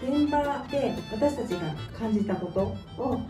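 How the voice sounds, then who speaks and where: A Japanese woman hosting a casual group chat, talking in a lively way and laughing often. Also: a little high, normal speed. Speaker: host, organizing consultant. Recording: echoey room, mic at a distance, music behind.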